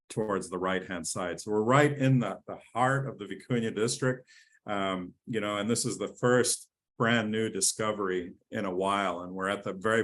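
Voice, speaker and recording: A man's voice: fairly low pitch, fairly bright tone. Enthusiastic man presenting in a webinar. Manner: enthusiastic, with frequent restarts and fillers. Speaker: company president and CEO presenting.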